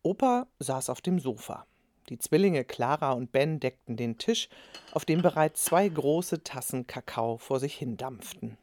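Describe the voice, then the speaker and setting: A woman reading a children's story aloud with expressive storytelling. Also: a bass voice, measured pace, no echo. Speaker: narrator.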